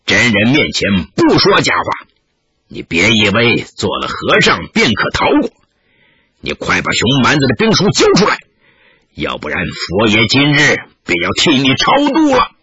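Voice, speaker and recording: A man voicing a fierce, menacing red-robed lama who shouts threats in a gruff, low voice, on a dull lo-fi recording. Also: huge pitch swings, unhurried, no room sound, full character voice.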